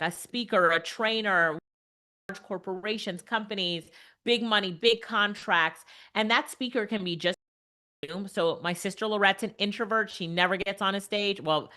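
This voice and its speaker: A woman hosting a live webinar, answering questions in a chatty, animated way. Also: mid-range voice, normal speed. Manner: chatty, animated, filler-heavy. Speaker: webinar host. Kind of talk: casual live Q&A.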